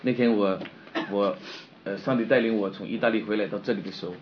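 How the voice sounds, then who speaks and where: Fast-talking impassioned male preacher. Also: fairly low pitch, steady tone, dull audio, background noise. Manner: impassioned, swinging between loud outbursts and quiet, subdued stretches; personal and confessional, retelling his own despair. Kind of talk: sermon.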